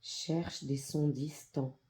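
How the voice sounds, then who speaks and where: With a mid-range, androgynous voice, a yoga nidra guide conducts a guided meditation calmly and soothingly. The soft instructional narration is measured and punctuated by long pauses.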